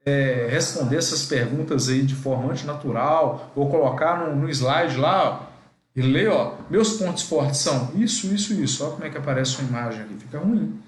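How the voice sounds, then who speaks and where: A man's voice: mid-range voice, moderate pace, echoey room. A man with a Brazilian Portuguese accent teaching a live online class, with a didactic manner and frequent asides to his students. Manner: didactic, addresses students as "gente".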